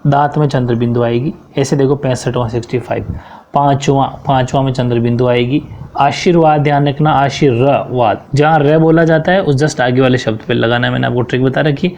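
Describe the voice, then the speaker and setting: A man's voice: medium pitch, fairly even intonation, fairly quick, a little mellow. A man teaching a grammar lesson, explaining corrections one by one and often checking in with his students.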